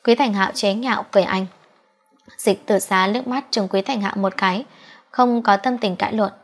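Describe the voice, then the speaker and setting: Woman reading an audiobook, steady even storytelling, scripted narration. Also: medium pitch, moderate pace.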